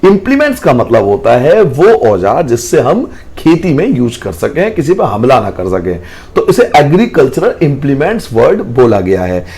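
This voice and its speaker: Lively male science teacher. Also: mid-range voice, normal speed. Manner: lively, affectionate toward students, repeats and rephrases points. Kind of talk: classroom lesson.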